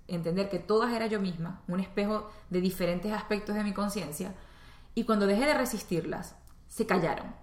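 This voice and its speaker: Venezuelan woman talking to the listener. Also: mid-range voice. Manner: conversational, addresses listener directly. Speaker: spiritual teacher and astrologer. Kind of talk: spoken self-help monologue. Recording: echoey room.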